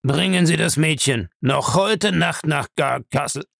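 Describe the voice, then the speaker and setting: A man's voice: fairly high pitch, unhurried, creaky, a bit bright, no echo, clean studio sound, voice pushed up, heavily acted. A man reading a novel aloud, voicing an irascible, domineering old man who demands answers. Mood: bargaining, gruff.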